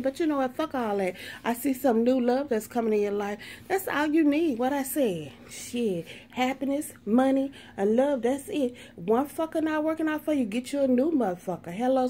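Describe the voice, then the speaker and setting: A woman's voice: high-pitched, moderate pace, mellow. Brash, sarcastic woman tarot reader. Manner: brash, sarcastic, heavy swearing. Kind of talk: profane, sassy tarot reading.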